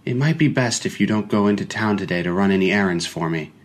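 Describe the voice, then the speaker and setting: A man voicing a brisk, controlling woman who runs a household and scolds. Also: fairly low pitch, animated, natural voice. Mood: curt. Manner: curt, scolding.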